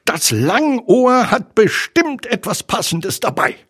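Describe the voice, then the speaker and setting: Casting: bouncy, excitable tiger, high and loud, played by a man. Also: slow pace, slightly rough, exaggerated voice. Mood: eager. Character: bouncy cheerful male tiger, eager.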